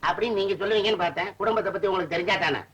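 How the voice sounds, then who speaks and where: A sly, joking comic man, played by an actor, wheedles and bluffs in fast banter. It is a 1970s film scene with a noisy, worn soundtrack behind the voice. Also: sits high, natural voice. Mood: teasing. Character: scheming comic middle-aged man, quick-witted, sly. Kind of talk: 1970s Tamil film acting.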